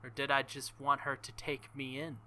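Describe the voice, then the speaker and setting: Reading a visual novel with offhand commentary, this let's play host has a mid-range voice, a sharp tone, and a flat delivery. He stumbles along in an embarrassed way and keeps slipping into nervous laughter.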